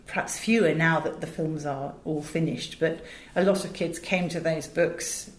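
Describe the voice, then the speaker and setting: Speaking at a normal speed in a low, steady voice, this middle-aged woman from England is a guest on an interview, where she works as a voice director and radio producer. She's articulate and talkative, wandering into digressions while telling stories, and the room sounds echoey.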